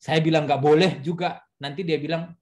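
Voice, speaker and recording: A man's voice: fairly high pitch, fairly even intonation, a little fast. A man, a pastor and counselor, talking casually on a church talk show and telling a counseling story with many fillers.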